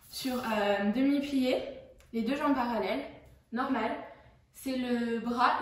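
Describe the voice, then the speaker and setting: Young woman dance teacher, high voice, slow and careful, sounds far from the mic. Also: heavy reverb. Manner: counts out moves with sung sounds like "foum" and "poum"; sings along in English during the run-through. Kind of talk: dance tutorial instruction. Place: dance studio.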